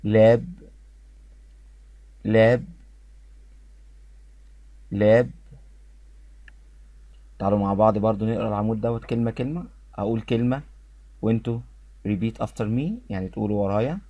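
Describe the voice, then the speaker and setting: A man with an Egyptian Arabic accent runs an English pronunciation lesson. He says each word slowly and repeats it so students can follow. His voice is low and mellow, recorded dry and close. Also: steady tone, dry recording. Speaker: English teacher.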